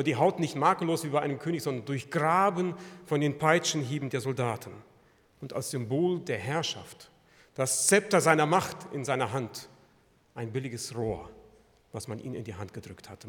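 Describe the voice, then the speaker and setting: A male preacher giving a sermon, piling up rhetorical questions that build to loud climaxes. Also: medium pitch. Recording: long hall reverb.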